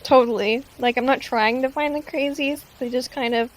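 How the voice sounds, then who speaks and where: A woman's voice: sits high, steady tone, moderate pace, slight background noise, close to an everyday voice. A woman playing a brash, offhand young woman.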